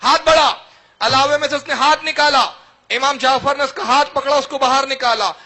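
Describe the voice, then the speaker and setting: Male preacher, very high pitched, dramatic sermon storyteller. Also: fairly even intonation, pushed and bright. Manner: dramatic, retells stories with acted quotes. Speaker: religious speaker.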